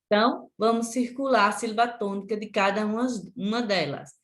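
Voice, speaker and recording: A woman teacher from Brazil with a Sergipe accent, giving a remote lesson to children and repeating words slowly and deliberately. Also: medium pitch, fairly even intonation, roomy sound, a little hiss or hum. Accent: Sergipe Brazilian Portuguese.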